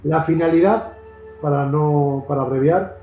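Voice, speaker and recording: A man's voice: fairly high pitch, a little slow, mellow, faint music behind. A man from Madrid with a Castilian Spanish accent, hosting an interview in a long, rambling, repetitive way. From Madrid, Spain. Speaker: interview host. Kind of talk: casual interview chat. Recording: echoey room.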